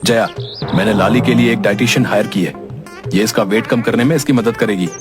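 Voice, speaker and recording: A man's voice: on the low side, a little fast, natural voice. A man voicing a frustrated young husband in a cartoon, complaining as he talks over background music. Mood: exasperated.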